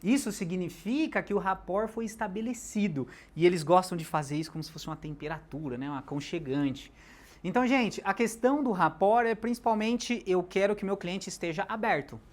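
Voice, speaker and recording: A man giving a live sales lecture, animated, shifting loudness and pace for emphasis and throwing questions at the audience. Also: sits high, a little fast. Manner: talks directly to the audience with questions.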